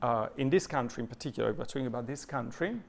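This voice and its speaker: Man, Italian accent, gravelly voice, lecturer, halting with fillers and restarts. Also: mid-range voice. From southern Italy. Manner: thoughtful, many fillers and restarts, reads quotations aloud. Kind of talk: adult education lecture.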